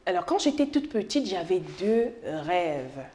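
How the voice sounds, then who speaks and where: A woman's voice: lowish voice, very animated, a little slow, over loud music. A Cameroonian woman in her thirties, a musician introducing herself in an interview in a playful, chatty way, slipping between French and English. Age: 30s.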